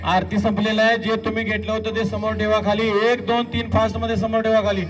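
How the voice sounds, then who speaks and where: A man's voice: high-pitched, level tone, fast, distant mic, soft background music. A man leading a stage hypnosis show, giving commanding, repeated orders and counting aloud to volunteers. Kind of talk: hypnosis show instructions to a crowd.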